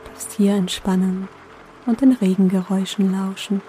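A woman guiding a sleep meditation in a gentle, soothing, unhurried manner with long pauses. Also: medium pitch, little pitch movement, soft background music. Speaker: meditation guide, host.

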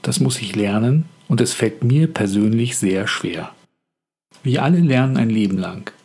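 A man hosts a scripted podcast on writing, and his voice is deeply husky with a rough, gravelly texture. He speaks in a calm, reflective and measured way, at a middle pitch. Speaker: author and podcast host.

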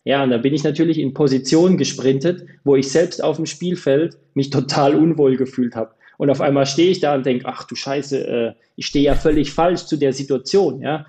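A man in his thirties chatting casually as an interview guest, pausing often with hesitant fillers. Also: fairly high pitch, darkish tone. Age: 30s. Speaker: podcast guest, football referee.

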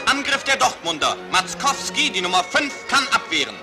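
This is a man's voice from an old newsreel soundtrack. He calls the match in a brisk, declamatory announcer manner with a strikingly high voice. Loud music plays under the whole commentary. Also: very animated. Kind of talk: 1950s newsreel sports commentary.

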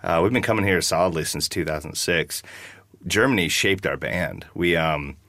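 A man's voice: low voice, moderate pace, fairly bright tone, no room sound, studio quality. A man from the United States, chatting about his band in a rambling, jokey interview. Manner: rambling, jokey, lots of fillers. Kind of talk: casual interview chat.

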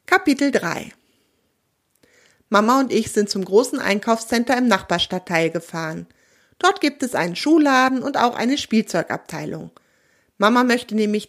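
Woman reading a lively children's story. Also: mid-range voice. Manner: lively first-person narration with voiced dialogue.

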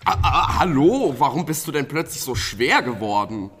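A man voicing a loyal, chatty male warhorse with a drawn-out, swooping delivery. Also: fairly high pitch, sing-song, a bit bright, a little hiss or hum. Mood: strained.

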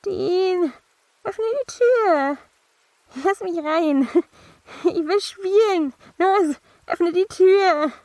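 Creepy child ghost behind a closed door: very high, muffled, slow and coaxing. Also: female voice, darkish tone, dry recording, full character voice. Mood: pleading, insistent. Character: eerie ghostly little girl begging to be let in. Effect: muffled, heard through a closed door. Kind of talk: horror story narration with voiced figure.

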